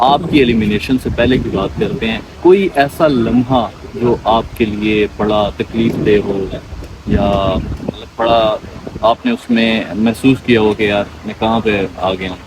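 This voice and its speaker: A man's voice: lowish voice, steady tone, a little slow. A man hosting a vlog, interviewing a guest with eager, long, rambling questions and friendly forms of address. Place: outdoors at night on a city street. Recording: street noise behind.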